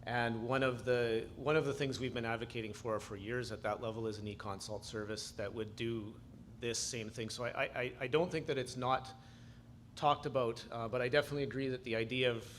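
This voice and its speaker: Male doctor, mid pitch, stumbling and restarting at a floor mic, faint hiss. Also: fairly even intonation, a little fast, fairly bright tone. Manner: stammering, repeats words often. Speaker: physician delegate. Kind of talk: assembly floor speech.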